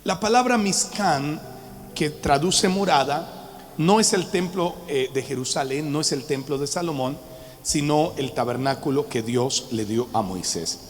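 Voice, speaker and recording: A man's voice: fairly high pitch, measured pace. A man preaching a Bible teaching to a live congregation, emphatic and calling on the listeners to respond. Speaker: pastor teaching a Bible study. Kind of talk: sermon-style Bible teaching. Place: church hall with a live audience. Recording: long hall reverb with faint background music.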